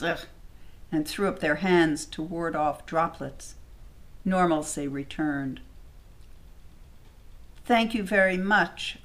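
A woman reading her own short story aloud at home, in a measured storytelling manner. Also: lowish voice, a bit bright.

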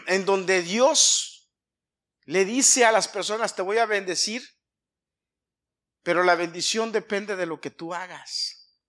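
Spanish-speaking preacher with a bright voice. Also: male voice. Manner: preaching with emphatic swings in volume and pitch. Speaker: pastor. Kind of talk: sermon.

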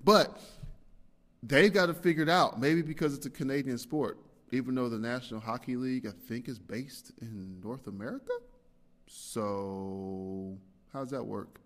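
Man, podcast host, casual solo talk, rambling, self-deprecating, middle pitch, long echoing reverb. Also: unhurried. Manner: rambling and self-deprecating, with frequent fillers and restarts.

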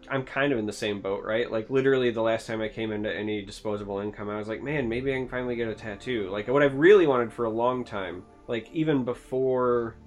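A man from Michigan co-hosting a casual chat, wry and self-deprecating in his jokes. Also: on the low side. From Michigan, United States. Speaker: co-host.

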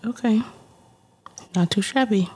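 A woman's voice: medium pitch, unhurried, a little mellow, husky. A young adult woman co-hosting a podcast in casual, teasing chat, laughing often. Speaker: podcast co-host.

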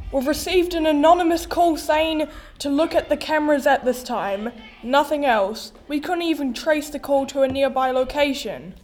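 A woman's voice: high-pitched, unhurried, darkish tone. A woman playing a tired but determined male detective who sighs and gives firm orders. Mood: weary.

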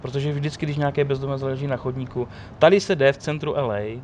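Man, casual storyteller, lively and quoting others, faint street noise behind. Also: mid-range voice. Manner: animated storyteller, quotes others. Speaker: guest telling of police ride-alongs. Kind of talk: casual chat.

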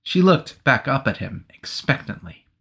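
A man's voice: medium pitch, big pitch swings, a little slow, a bit bright, breathy edge. A man co-hosting a podcast, who reads a novel aloud and banters with playful self-mockery. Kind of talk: casual chat and read-aloud narration.

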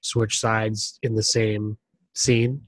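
A man's voice: lowish voice, little pitch movement, extremely slow, no echo. Man, podcast co-host, casual chat, wry asides, dry sound.

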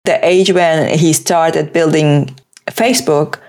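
A woman's voice: low voice, fairly even intonation, slow pace, darkish tone. A woman, a Persian speaker, talking earnestly and at length as a podcast guest. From Iran. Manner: earnest, emphatic, talks in long runs. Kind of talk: conversational interview.

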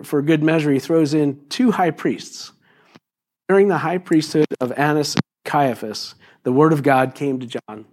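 Preaching casually and conversationally, this fifties-aged pastor stumbles through plenty of fillers and restarts. This morning his voice has some rasp, sitting on the high side with a slightly mellow quality.

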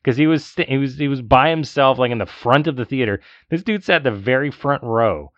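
A man's voice: medium pitch, a little fast, no echo. A man co-hosting a podcast, telling a story in casual chat and ranting as he goes. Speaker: podcast co-host. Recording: dull lo-fi sound, dry.

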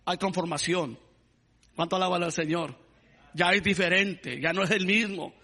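This high-pitched, sharp-sounding man is a pastor delivering a sermon at a moderate pace. Addressing his listeners repeatedly as "hermano," he urges the congregation to praise the Lord.

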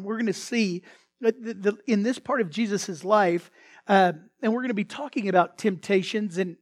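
A man preaches to his church in a loose, conversational way, stumbling into restarts and acting out quoted lines as he goes. His voice sits notably high for a man. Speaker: pastor. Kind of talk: sermon.

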